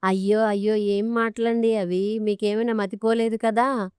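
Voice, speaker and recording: A woman's voice: medium pitch, flat delivery, unhurried, a little mellow, clear, resonant tone, no room sound, clean studio sound, close to an everyday voice. A woman reading an audiobook story, voicing a pleading older mother-in-law. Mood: shocked. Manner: pleading, lamenting.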